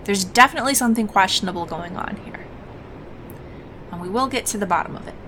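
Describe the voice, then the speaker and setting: A woman's voice: medium pitch, quick pace, pushed and bright, a little hiss or hum. A woman hosting a casual let's play, musing aloud informally as she comments on the game. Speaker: gaming host.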